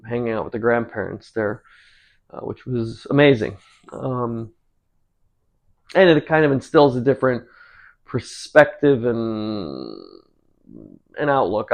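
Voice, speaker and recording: Vocal fry colors this man's mid-range voice as he talks casually while cooking. An American cooking channel host in his forties, he rambles in a relaxed manner, his speech dotted with many ums and uhs.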